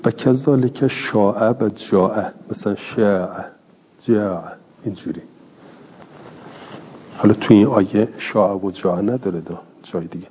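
With a voice on the low side, a man teaches a class step by step, posing questions and answering them himself. Slight background noise sits under this dull lo-fi recording of the lecture, made in a reverberant hall.

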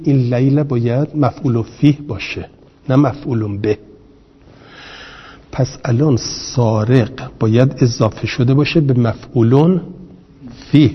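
Husky male teacher in a reverberant room. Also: mid-range voice. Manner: slow, repeats each term, asks rhetorical questions. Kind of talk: classroom grammar lesson. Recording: reverberant, dull lo-fi recording.

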